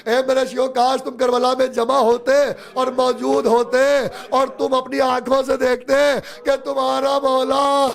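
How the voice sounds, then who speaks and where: A male cleric delivering a mourning sermon, shouting with passion and breaking into melodic chanted lament. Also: extremely high pitch, completely flat delivery, gravelly, hardly any pauses. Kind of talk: Muharram majlis sermon.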